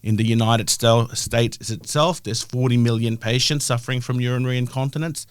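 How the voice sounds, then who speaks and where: Middle-aged man, broad Australian accent, medium pitch, interview guest, explanatory and conversational, very dry recording. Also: steady tone, fairly quick, clean tone, no echo. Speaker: interview guest, health-tech founder.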